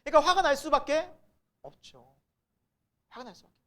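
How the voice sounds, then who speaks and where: Lively male pastor preaching. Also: extremely high pitch, a little fast. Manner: lively, swinging from loud emphasis to soft asides; asks the congregation rhetorical questions. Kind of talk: sermon.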